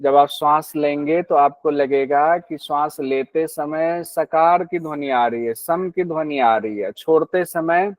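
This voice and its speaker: A man's voice: on the high side, unhurried, few pauses, no room sound, low-quality recording. A man teaching a class on a yoga text, explaining patiently, repeating key points and asking his students questions.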